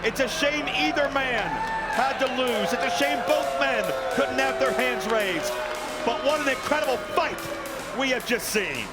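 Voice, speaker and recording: A man giving emphatic, projected live pro wrestling commentary, often raised to a shout. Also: very high-pitched, unhurried. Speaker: wrestling commentator and ringside interviewer. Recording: loud music and crowd behind.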